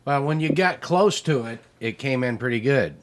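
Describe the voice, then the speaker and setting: A man's voice: medium pitch, lively intonation, moderate pace. A middle-aged man hosting a casual chat show, rambling in an easygoing way with a dry sense of humor. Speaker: show host.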